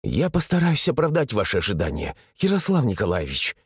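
A man's voice: mid-range voice, huge pitch swings, fairly quick, slightly rough, no echo, clean studio sound, exaggerated voice. A man voicing a genteel young woman servant who speaks earnestly, in an audiobook. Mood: hopeful. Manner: pleading, earnest.

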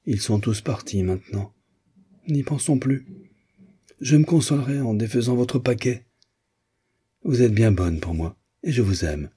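A man's voice: mid-range voice, a little slow, long pauses, dark tone, slightly rough, voice pushed up. A man reading aloud, voicing a simple, tearful older woman who pleads meekly. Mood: tearful, tender. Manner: pleading, meek.

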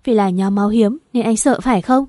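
A woman reading a first-person story aloud in an even, steady narration. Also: medium pitch, a little fast, no echo, clean studio sound.

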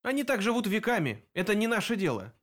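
A man reading an audiobook, voicing a sly, mocking male demon investigator who talks quickly. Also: high voice, very animated, a bit bright, voice pushed up. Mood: dry.

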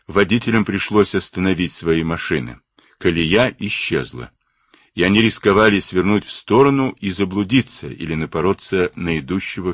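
A man narrating an audiobook in a measured storytelling manner. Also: deep voice, no echo, clean studio sound.

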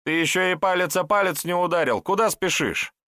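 A man's voice: sits high, a little fast, sharp tone, no room sound, clean studio sound, pitched above the performer's own voice. Man doing a grumbling stocky estate lad. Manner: grumbling, reluctant, gruff. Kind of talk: audiobook character voice.

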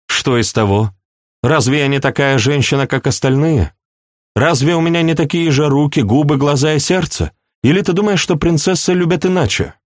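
A man's voice: on the high side, normal speed, dry recording, studio quality, voice pushed up, close to an everyday voice. A man reading an audiobook, voicing a proud and passionate young princess in a raised, pleading voice.

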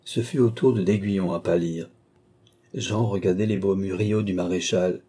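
A man reading a classic novel aloud in an even, literary manner. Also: low voice, normal speed, breathy edge. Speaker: audiobook narrator.

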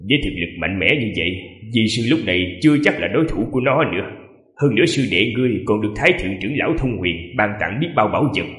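A man's voice: fairly low pitch, animated, quick pace, fairly bright tone. A man with a sore throat voicing an older male sect master who teases his female disciple with knowing advice. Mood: reassuring. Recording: echoey, long reverb.

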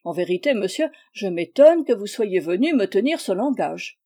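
A woman's voice: mid-range voice, very animated, moderate pace, warm tone. A woman reading aloud, voicing a proud, touchy provincial spinster who plays hostess, in a prim, affronted manner. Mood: offended.

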